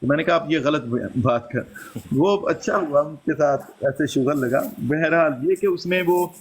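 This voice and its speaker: A man's voice: a little high, a little hiss or hum. A man casually recounting a debate, quoting his own lines back and forth as he tells it. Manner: recounts events and quotes himself in lively dialogue. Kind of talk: casual storytelling.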